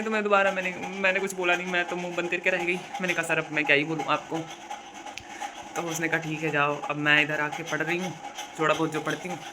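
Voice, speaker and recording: Fast-talking young woman with a cough. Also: on the low side. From India. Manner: chatty, storytelling, coughs now and then. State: sore throat with a cough. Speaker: vlogger. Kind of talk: casual vlog chat.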